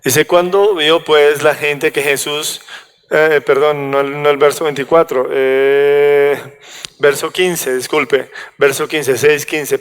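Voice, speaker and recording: Male preacher, higher-pitched, smooth resonant voice, halting delivery that keeps restarting, long church-hall echo. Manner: halting, restarts and corrects himself often. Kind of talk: sermon.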